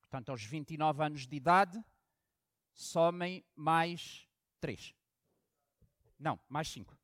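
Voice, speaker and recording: An Angolan pastor preaches a sermon in a European style, telling stories and moving between loud emphasis and quiet asides. His voice is fairly high and his pace slow, captured in studio quality with no room sound.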